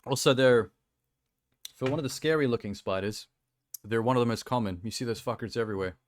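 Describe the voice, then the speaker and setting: A man's voice: medium pitch, a little fast, slight background noise. An Australian man streaming casual reaction commentary, blunt and sweary, laughing easily.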